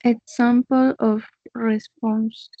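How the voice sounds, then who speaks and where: A woman student reading English haltingly on a video call, each word slow and careful. Her voice is flat and gravelly. The call audio sounds dull and dry. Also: a little high, dry recording.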